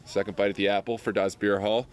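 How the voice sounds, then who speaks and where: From the sideline of an amateur soccer match outdoors, a man with a fairly low voice calls loud, fast play-by-play, his voice lifting excitedly on attacking moves. Crowd noise from the field fills the background.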